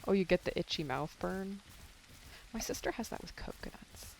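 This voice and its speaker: A young adult streams a game and rambles to chat in a loose, casual way, with some swearing. The voice is mid-pitched and full of gravelly fry. They are losing their voice, and faint background noise sits under it. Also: lively intonation, normal speed, poor audio. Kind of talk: casual live-stream chat while gaming.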